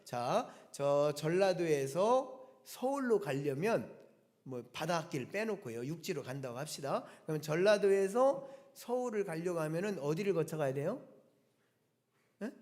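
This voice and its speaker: Male pastor, Sunday sermon, fairly high voice, church reverb, repeats key phrases, asks the congregation questions. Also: lively intonation, a little slow, darkish tone. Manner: conversational preaching with rhetorical questions to the congregation; repetitive emphatic phrasing. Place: church sanctuary.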